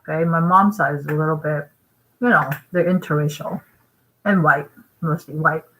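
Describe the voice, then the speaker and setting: A woman from Vietnam talks straight to her vlog viewers in a low voice. She rambles and pushes her points hard, tagging them with "right?" as she eats. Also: a bit bright, poor audio. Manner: rambling, emphatic, with frequent "right?" asides; eating while talking. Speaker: vlogger. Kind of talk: casual talking-head vlog.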